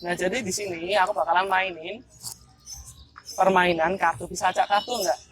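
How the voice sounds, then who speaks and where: A man's voice: sits high, steady tone, normal speed, a bit bright, a little hiss or hum. Young man, street magician, teasing chatty patter, outdoors in a park. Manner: playful, teasing, chatty with strangers. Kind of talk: casual street performance patter.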